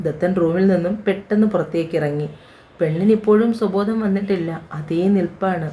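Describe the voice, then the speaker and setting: A woman reading a romantic audio story aloud in steady scripted narration. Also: fairly low pitch, fairly quick.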